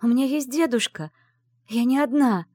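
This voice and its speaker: A woman's voice: fairly high pitch, animated, fairly quick, breathy edge, no echo, studio quality, voice pushed up. A woman reading the lines of an emotional, tearful young heroine in an audiobook, exclaiming with feeling.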